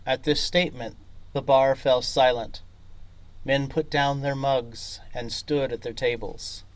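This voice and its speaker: Guy reading his short story out loud, really slow and steady. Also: medium pitch. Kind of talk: scripted narration.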